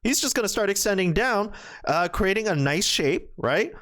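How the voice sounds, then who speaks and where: A man commentating a Go match, thinking aloud with lots of fillers and sudden excited outbursts. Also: sits high, moderate pace. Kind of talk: game commentary.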